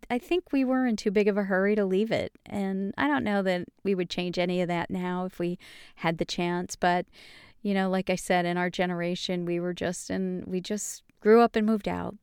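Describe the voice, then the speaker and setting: Podcast lady reading her own poems, soft reminiscing way of talking, super clear voice, dry sound. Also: mid-range voice, dry recording. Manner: gentle, warm and reminiscing. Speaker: podcast host.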